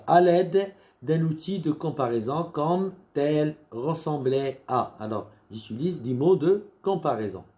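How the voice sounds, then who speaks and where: A man's voice: fairly high pitch, warm tone. A man with a Moroccan French accent, teaching a primary school lesson. He explains step by step, often repeating words and restarting his sentences. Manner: patient, explains step by step with examples.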